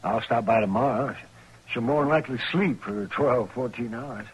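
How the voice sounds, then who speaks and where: An actor playing a folksy, reassuring American town doctor in an old-time radio western. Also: male voice, mid-range voice, normal speed, slightly rough, lo-fi sound. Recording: faintly noisy old radio recording.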